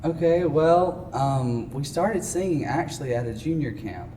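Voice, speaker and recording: A man's voice: on the high side, animated, measured pace. A twenty-year-old man from Alabama with a Southern accent, a gospel singer answering interview questions politely with many fillers and "yes sir.". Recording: echoey, distant, background noise.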